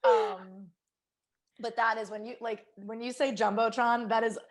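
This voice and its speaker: A woman's voice: fairly high pitch, a little slow. Enthusiastic woman hosting a podcast. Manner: enthusiastic, upbeat, full of shout-outs. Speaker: podcast host. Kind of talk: casual podcast interview.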